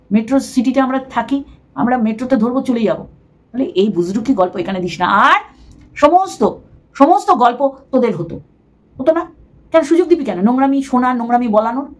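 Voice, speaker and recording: A middle-aged woman scolds a rival straight into the camera, her voice sitting a little high. She talks down to the other person in short, sharp lines. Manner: scolding, confrontational, addresses rival informally. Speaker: vlogger. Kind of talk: heated direct-address rant.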